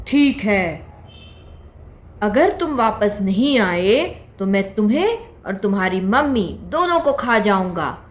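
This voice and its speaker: A woman's voice: medium pitch, sing-song, takes it slowly. Lady doing a hungry lion, growls and threatens, storybook villain voice. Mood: threatening.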